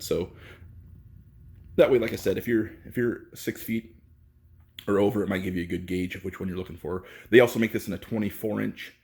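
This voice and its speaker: A man giving a casual, halting walkthrough of a bike in a workshop, with lots of fillers, a bit out of breath. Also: low-pitched, vocal fry, a little mellow. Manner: rambling, halting, with many fillers. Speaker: bike reviewer. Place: indoor workshop.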